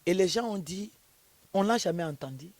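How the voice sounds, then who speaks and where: A woman's voice: on the low side, lively intonation, moderate pace, darkish tone, dry recording. Woman, pastor, emphatic storyteller, dry sound. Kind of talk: preaching interview, telling a story.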